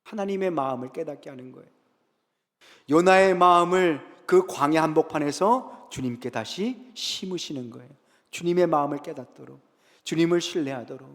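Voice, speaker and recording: Lively preaching man, reverberant sanctuary. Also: fairly high pitch, moderate pace. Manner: poses questions to the congregation and answers them himself; lively storytelling retelling Bible scenes. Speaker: pastor. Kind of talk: sermon. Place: church sanctuary. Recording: long reverb in a large sanctuary.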